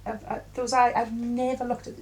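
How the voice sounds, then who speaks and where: A middle-aged woman giving an intuitive tarot reading in a musing, halting way with many fillers. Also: on the high side, flat delivery, a little mellow, slight background noise, poor audio. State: coughing at times. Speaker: tarot reader.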